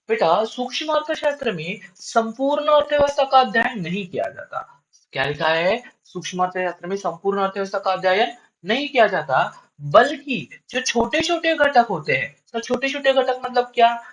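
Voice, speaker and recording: A male teacher giving a classroom lecture, who keeps asking questions and answering them himself and repeats key lines for his students. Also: poor audio. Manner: lively up-and-down pitch.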